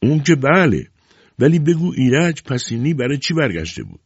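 A man voicing a boastful, meddling middle-aged village man who talks loudly and excitedly. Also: mid-range voice, slightly rough, no echo, pitched above the performer's own voice. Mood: excited, pushy. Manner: loud, excitable, self-assured. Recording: dull lo-fi recording.

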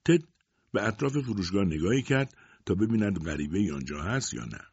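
A man narrating a story in a measured, expressive reading voice. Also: deep voice, creaky, breathy edge, no room sound. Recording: dull lo-fi dry recording.

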